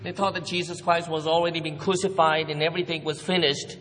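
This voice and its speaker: A man's voice: fairly high pitch, flat delivery, quick pace, fairly bright tone, a little hiss or hum. A man interpreting a sermon into English at a pulpit microphone in a large church hall. He follows each phrase closely, with small slips and restarts. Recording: long hall reverb.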